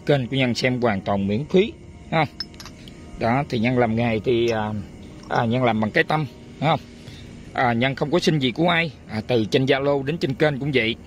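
A man talks casually to his viewers, complaining and calling out to them again and again. His voice sits at a middling pitch. Soft music plays faintly in the background. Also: normal speed. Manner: chatty, complaining, addresses viewers often. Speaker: spiritual channel host. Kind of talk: casual talk to viewers and a chanted prayer.

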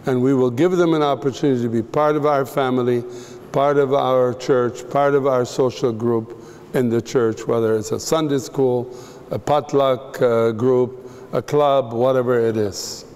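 A man from the Middle East preaching a sermon in a measured, emphatic way, with pauses between phrases. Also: mid-range voice, steady tone, darkish tone, in a large hall.

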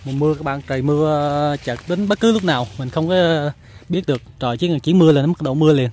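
A fast-talking man in his thirties with a Southern Vietnamese accent, his voice sitting a little high as he chats to viewers between frequent filler pauses. He films himself outdoors in a garden on a phone held at arm's length. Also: darkish tone. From Mekong Delta, Vietnam. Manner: chatty, many filler pauses, addresses viewers. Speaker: vlogger. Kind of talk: casual walking tour vlog. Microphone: phone camera held at arm's length.

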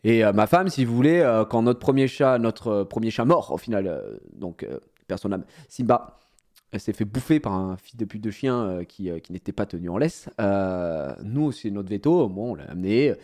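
Give me a man casually telling viewers a story, animated and slangy, with a very lively pitch. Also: moderate pace. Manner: animated, slangy, laughs at his own story. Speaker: streamer.

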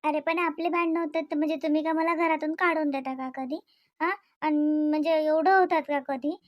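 A woman's voice: high voice, fairly even intonation, fairly quick, dry recording, highs cut off. A woman plays a wife in a domestic comedy skit. She complains with worry and pushes her point with heated insistence. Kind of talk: scripted domestic comedy dialogue.

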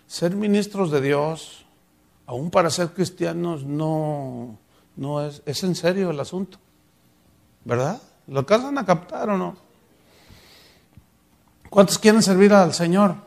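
A man's voice: a little high, lively intonation, slow, vocal fry, long pauses. A man preaching a sermon as pastor, in a conversational style that asks the congregation questions.

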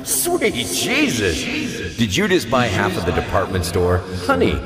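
Sardonic teasing husband, horror game, very slow drawl, wildly animated pitch, music over him. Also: male voice, heavily acted. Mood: amused teasing. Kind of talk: scripted game voice acting.

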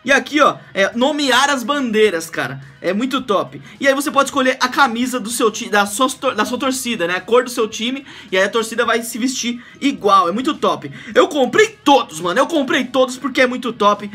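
A man in his thirties with a Brazilian accent, hosting casual, excited gameplay commentary in a slangy, jokey way with frequent exclamations. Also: high voice. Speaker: gaming video host. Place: small indoor room.

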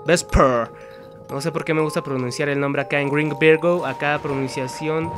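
A man's voice: fairly high pitch, flat delivery, fast talker, music in the background. A young man with a Mexican accent commenting on a horror game, swearing constantly and talking to himself. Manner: profane, talks to himself, bursts into frightened yelling. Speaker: gameplay commentator.

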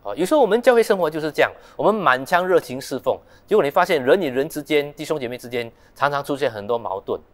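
A man preaching a sermon, lively and full of rhetorical questions, acting out the quoted speech of others. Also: a little high, quick pace, few pauses, big-room sound. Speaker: pastor. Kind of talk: Mandarin sermon. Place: church sanctuary.

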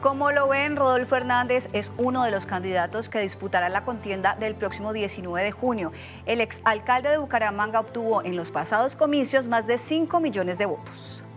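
A woman's voice: fairly high pitch, a little fast, faint music behind. Female news anchor in studio. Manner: formal, clear.

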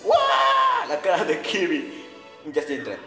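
A man's voice: on the high side, fairly quick. A young man narrating a video game in a crude, slangy, mocking comic style. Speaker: parody narrator. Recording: echoey room with long reverb, faint music. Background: faint music.

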